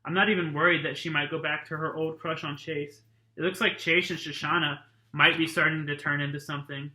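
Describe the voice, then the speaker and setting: A teacher reads a chapter book aloud to his class in a plain, unhurried way. His voice sits a little high and sounds very bright, almost sharp. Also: echoey room, rough recording. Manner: plain, steady reading with a casual tone. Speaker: teacher reading a novel aloud to students. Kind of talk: reading a novel aloud.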